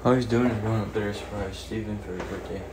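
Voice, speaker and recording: A man's voice: on the low side, fairly even intonation, fast talker. Young man chatting casually, faint noise. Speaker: livestream host. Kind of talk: casual slangy chat. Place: indoors, home kitchen. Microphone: phone propped at varying distance.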